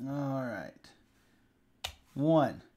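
A man's voice: mid-range voice, very animated, very slow, warm tone, dull audio, slight background noise. A middle-aged man chatting casually while he plays a board game at a table. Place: indoor room at a game table.

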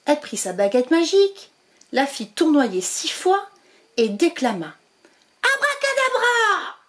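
Unhurried, lively woman storyteller. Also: high-pitched. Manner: slow, expressive read-aloud. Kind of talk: children's storybook reading.

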